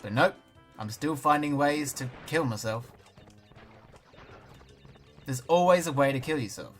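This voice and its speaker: Soft music sits under the unhurried, mid-range voice of a young Australian gaming YouTuber. He gives casual let's-play commentary laced with dry self-mockery, sometimes speaking with banana in his mouth.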